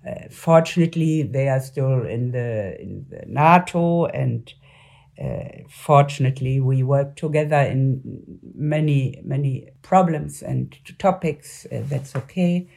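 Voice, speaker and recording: An older woman, a native German speaker with a German accent, answers political interview questions haltingly, searching for words in her second language. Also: extremely low pitch, gravelly, dark tone. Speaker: former member of parliament, interview guest.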